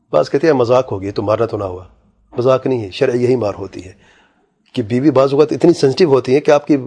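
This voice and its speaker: A man's voice: mid-range voice, dark tone, breathy edge. A man, an Islamic scholar, answering a question in an emphatic religious lecture, reciting Arabic verses and asking rhetorical questions.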